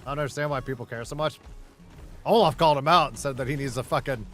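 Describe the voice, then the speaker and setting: A man talks loosely over a game session, swearing freely and tripping over his own sentences as he rambles. His voice sits at an ordinary middle pitch. Faint music plays underneath. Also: quick pace, fairly bright tone. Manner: profane, rambling, many restarts. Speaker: gamer chatting with a friend. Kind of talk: casual chat while gaming.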